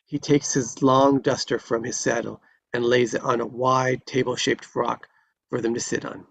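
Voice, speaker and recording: Narrating at a live table read, a man describes the scripted stage directions as if telling a story. He speaks at normal speed with a level tone, vocal fry and a fairly bright mid-range voice. The recording has a dull, lo-fi quality and faint noise.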